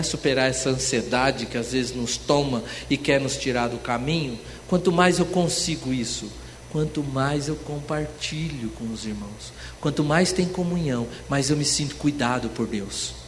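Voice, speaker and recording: A man's voice: medium pitch, a little hiss or hum. A man giving a church seminar in a sermon style, often turning to the audience with questions such as whether they follow. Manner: checks in with the audience through rhetorical questions. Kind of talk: sermon-style teaching with personal stories. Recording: church room with long reverb, faint ambience.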